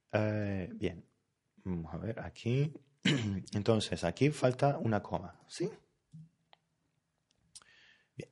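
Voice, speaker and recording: A man's voice: low voice, a little mellow. A man teaching a live online language lesson, patient and explanatory, who checks often that his students follow. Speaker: Spanish teacher.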